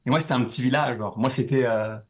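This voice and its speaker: A young man from France, a guest in a casual interview, talking in a relaxed, rambling way with many fillers. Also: medium pitch, fast.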